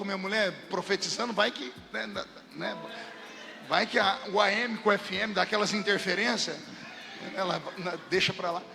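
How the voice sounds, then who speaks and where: High-pitched gravelly preacher with Brazilian Portuguese accent. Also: male voice, in a large hall, noisy background. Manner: animated, humorous, shouting bursts. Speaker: pastor. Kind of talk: lively storytelling sermon.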